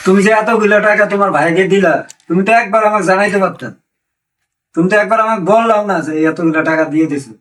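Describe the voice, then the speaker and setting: A man's voice: sits high, quick pace, fairly bright tone. An actor playing a husband back from years abroad who insistently demands his savings, with a Bangladeshi accent. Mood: angry. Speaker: returned migrant worker. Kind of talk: amateur drama acting. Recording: voice distant from the mic.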